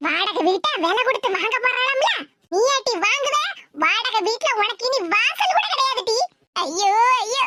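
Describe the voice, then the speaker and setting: Woman doing a shrill scolding mother-in-law. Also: very noisy. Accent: Tirunelveli Tamil. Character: scolding sharp-tongued village mother-in-law. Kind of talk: cartoon voice acting.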